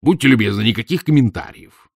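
A man's voice: medium pitch, fast talker, creaky, no room sound, clean studio sound, pitched above the performer's own voice. A man voicing a pompous, arrogant older male professor who talks down to his listener in a lecturing way. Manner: haughty, lecturing, condescending. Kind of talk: audiobook reading.

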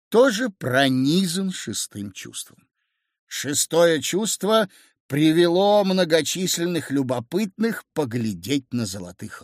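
Lively, high-voiced male storyteller. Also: no echo, studio quality. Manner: lively, expressive reading. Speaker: narrator. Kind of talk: audiobook storytelling.

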